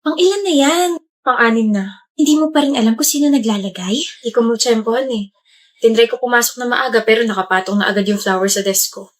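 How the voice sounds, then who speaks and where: Sharp-tongued woman with a highish voice. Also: brisk. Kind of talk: Filipino short drama dialogue.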